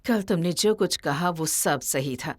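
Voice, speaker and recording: An actress dubbing an older widowed mother who speaks slowly and haltingly, with heartfelt pauses. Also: low voice, animated. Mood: remorseful. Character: widowed mother and magazine head, proud but remorseful. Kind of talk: Hindi movie dub. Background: background music.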